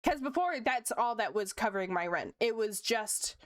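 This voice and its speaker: A woman chats with her stream audience in a relaxed, rambling way, laughing often. Her voice sits a little high and sounds smooth and clear. The sound is dry and close, on a desk mic at home. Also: normal speed, no echo. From Canada (Ontario). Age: late 20s. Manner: chatty and upbeat, laughs often, lots of fillers. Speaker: streamer and VTuber. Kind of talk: casual chat while drawing on stream. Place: home room.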